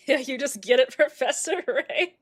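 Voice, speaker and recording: A woman's voice: high voice, expressive, unhurried, slightly rough, dry recording. A young woman streaming a game, chatting casually and giggly, reading chat and recapping the story on a close microphone. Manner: chatty, giggly, puts on silly voices for recaps. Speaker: live streamer. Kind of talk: casual let's-play commentary.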